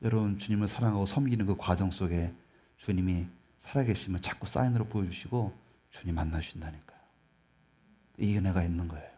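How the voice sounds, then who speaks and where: A male pastor preaching a sermon in an emphatic, animated way, often putting questions to the congregation. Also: low-pitched, brisk, husky.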